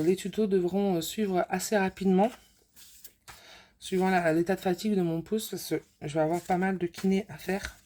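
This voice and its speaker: A woman talking casually to camera as she shows and prices craft supplies, with lots of fillers and pauses. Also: on the low side, warm tone. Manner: chatty, many fillers, counts items aloud. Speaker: scrapbooking vlogger. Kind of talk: casual haul video talk.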